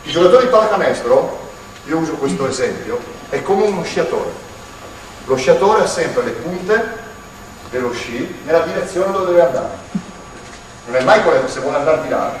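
Coach shouting across an echoey gym. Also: male voice, a little high, expressive, normal speed, pauses often. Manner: explains at length, then shouts urging players on. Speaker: basketball coach running a clinic. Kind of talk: on-court coaching clinic. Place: large indoor gym. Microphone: far camera in the stands. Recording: echoey gym from far off, faint noise.

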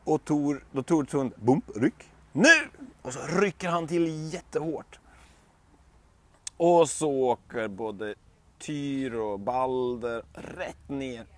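A man telling a bedtime story to a child in an animated way, with sound effects and lively voices. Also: mid-range voice, no room sound.

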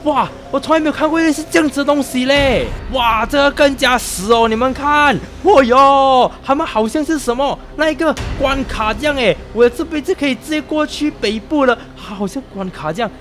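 Jumpy high-voiced male game host. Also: normal speed, few pauses, a bit bright, soft background music. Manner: jumpy, panicky exclamations, sprinkling in English outbursts. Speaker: gameplay host. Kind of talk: excitable game commentary.

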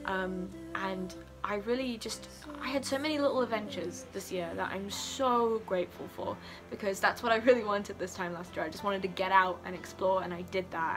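A young student vlogger talks to camera from her living room with music playing behind her. Her medium-pitched, steady voice runs a little fast with few pauses as she rambles in a candid, informal way.

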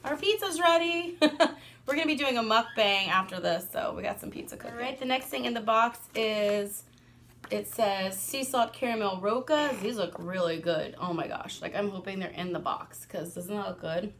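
A woman and mother vlogging a casual product review, chatty and excitable, laughing often. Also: medium pitch, moderate pace, a little hiss or hum.

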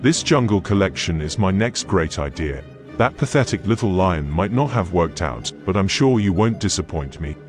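An actor playing a cruel, contemptuous, scheming company boss in a cartoon. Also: male voice, sits low, lively intonation, moderate pace, soft background music. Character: cruel, scornful toy company CEO villain. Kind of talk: dramatic cartoon villain acting.

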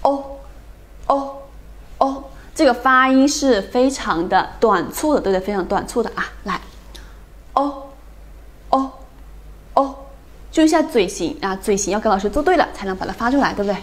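A woman teaching an English phonics lesson, drilling each sound slowly and often checking with her students. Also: medium pitch, animated.

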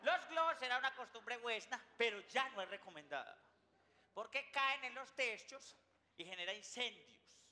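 A man's voice: extremely high pitch, animated, moderate pace, pushed and bright. A man hosting a comedy show, delivering a playful, slang-heavy stand-up monologue. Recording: noisy recording.

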